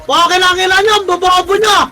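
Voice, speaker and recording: A Filipino man calling commands to his team during an online game, barking quick orders and swearing often. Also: very high-pitched, level tone, over music. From Philippines. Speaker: team shotcaller. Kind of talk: live game commentary and team calls.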